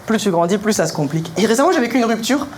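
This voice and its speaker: Young man, punchy stand-up comedy, very quick delivery, slangy animated storytelling, noisy live recording. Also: high voice. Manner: animated storytelling, acting out dialogue; colloquial, slangy. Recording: live show recording with clear noise.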